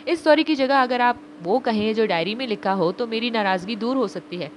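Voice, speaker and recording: A woman voicing a gentle, teasing young husband who speaks calmly and seriously in an audio novel. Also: a little high, a little hiss or hum, close to an everyday voice. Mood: coaxing. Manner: calm, soft, serious.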